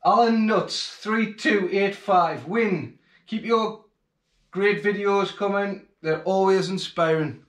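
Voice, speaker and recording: With a voice that sits high and a slow pace, a man in his forties from England chats to the camera for his fishing channel. He's grateful and plain-spoken in this casual home vlog, recorded in the kitchen and then the living room with roomy acoustics.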